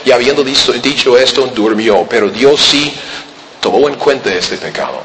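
A man preaching a Bible-teaching sermon, emphatic, often pointing listeners to the text and dropping to low, quiet urging. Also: moderate pace. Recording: roomy hall with long reverb, faint noise.

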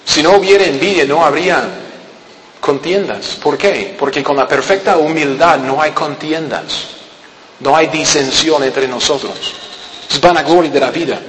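A man's voice: a little high, normal speed, a bit bright, roomy sound, long reverb tail, slight background noise, rough recording. A man with a Costa Rican accent preaching a sermon, emphatic and repetitive, with rhetorical questions. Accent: Costa Rican Spanish. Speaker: pastor.

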